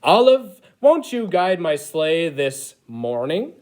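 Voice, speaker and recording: A man's voice: a little high, sing-song, slow pace, a little mellow. A man voicing a kindly, jolly old Santa as an emphatic storybook character. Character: jolly old male Santa Claus, kindly sleigh leader.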